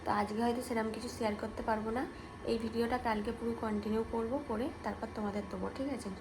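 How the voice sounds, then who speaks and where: A woman, a new mother, chatting casually to her viewers as friends in a home vlog, talking softly so she won't wake her baby. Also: fairly high pitch, level tone, rapid-fire, background noise. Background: background music.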